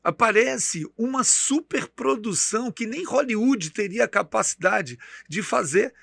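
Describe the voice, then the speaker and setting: A middle-aged man with a Brazilian accent preaches on a church podcast, his voice high and bright with a gravelly fry. He speaks emphatically, quoting scripture. The sound is close and dry. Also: expressive, measured pace, dry recording. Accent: Brazilian Portuguese. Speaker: bishop and podcast host.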